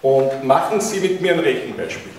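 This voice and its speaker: A man's voice: medium pitch, sing-song, normal speed, darkish tone, slight background noise. A middle-aged man with an Austrian accent gives a keynote lecture into a handheld mic in a large university lecture hall, putting questions to the audience. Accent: Austrian German. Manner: engaging, asks the audience questions. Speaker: keynote speaker. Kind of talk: public lecture. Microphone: handheld mic, recorded by a far camera. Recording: echoey lecture hall from far off.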